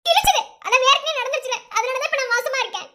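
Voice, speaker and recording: A woman's voice: very high-pitched, fast, very noisy. A woman voicing a flustered, teasing young woman in a cartoon, whiny and giggly, with a Madurai Tamil accent. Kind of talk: cartoon voice acting.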